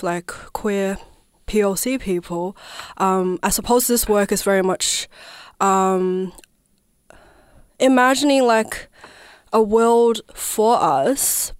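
A woman's voice: lowish voice, clear, resonant tone, dry recording. A woman from southwest China, a guest artist in a radio studio interview, talking reflectively and hedging often with "I suppose" and "like".

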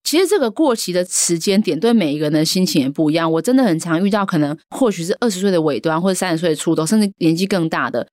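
A woman in her thirties co-hosting a casual chat show, telling stories with animated mimicry of relatives. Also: lowish voice, dry recording, studio quality. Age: 30s. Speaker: podcast co-host.

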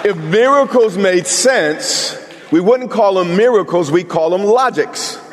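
A man's voice: sits high, lively intonation, measured pace, long reverb tail, a faint crowd. A male pastor preaching an emphatic sermon, talking straight to his congregation with humorous asides.

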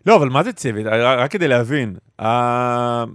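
A man's voice: medium pitch, lively intonation, smooth, no room sound, clean studio sound. A man with an Israeli accent working as a radio interviewer, pressing with questions and sardonic banter.

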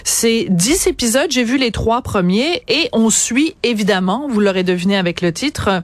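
A woman's voice: a little high, lively intonation, moderate pace, dry recording. Québécois woman host, radio interview, gushy chatty, dry studio mic. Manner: chatty, effusive, personal asides.

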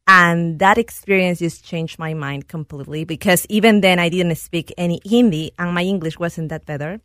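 A Peruvian woman appears as a guest and program director on a casual radio talk show, earnestly telling her story and now and then searching for words in English. Her voice is somewhat low and a bit bright, her pace moderate, and the studio-quality recording has no room sound.

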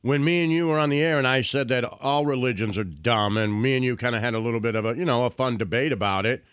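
A man's voice: medium pitch, quick pace, fairly bright tone, clean tone, dry recording, studio quality. A man co-hosting a podcast, chatting in an informal, blunt way. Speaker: podcast co-host. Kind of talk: casual chat.

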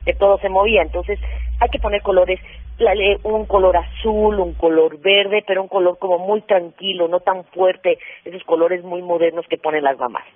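A woman's voice: fairly low pitch, fairly even intonation, normal speed, dry recording. A woman who is a parenting expert gives practical advice in a radio interview and explains things step by step with examples. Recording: phone-like narrow band, dry.

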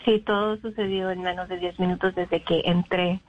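A young adult woman from Mexico, a guest telling her own story in an interview. She talks haltingly, with many fillers and English words mixed in. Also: lowish voice, level tone. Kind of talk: personal account in an interview. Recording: phone line.

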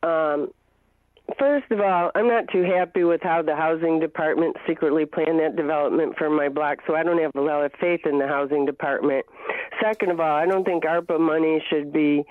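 A woman's voice: sits low, normal speed, no echo. A woman calling in by phone to give public comment, blunt and complaining. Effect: call-in voice heard over a phone line. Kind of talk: public comment at a council hearing. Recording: tinny dry phone line.

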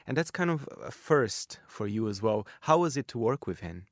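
A middle-aged radio culture correspondent with a Brazilian Portuguese accent holds a friendly, chatty interview with a guest, filling his speech with "I mean." His mid-range voice is very animated at normal speed, recorded dry in studio quality.

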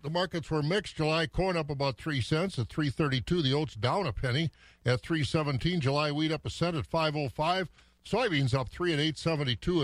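A man's voice: fairly high pitch, no room sound. A man hosting a morning farm market report on radio, easygoing and folksy with frequent fillers. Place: radio studio. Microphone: studio mic.

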